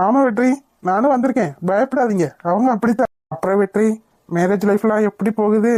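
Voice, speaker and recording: A woman's voice: mid-range voice, brisk, mellow, dry recording, lightly acted. A woman voicing a friendly, easygoing young husband in a cartoon. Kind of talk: cartoon voice acting.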